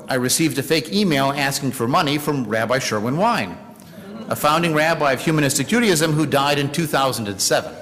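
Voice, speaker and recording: A man in his late forties giving a sermon as a rabbi, measured and wry, with dry jokes. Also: mid-range voice, fairly bright tone, long reverb tail.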